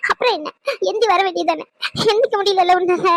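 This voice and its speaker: A woman voicing a tearful, fiercely devoted young female student who scolds fast while crying in a cartoon. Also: very high-pitched, no echo. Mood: scolding. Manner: scolding, crying, rapid-fire questions. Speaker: voice actor. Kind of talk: cartoon dub acting.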